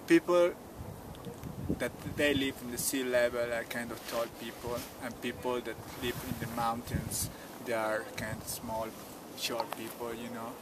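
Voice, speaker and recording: Speaking in a relaxed way with simple phrasing and frequent "you know," this man recounts a story for a casual interview at an outdoor mountain site. He is a Quechua-speaking tour guide from rural Cusco, Peru, with a mid-range voice and measured pace. The distant mic catches loud ambience, leaving the recording very noisy.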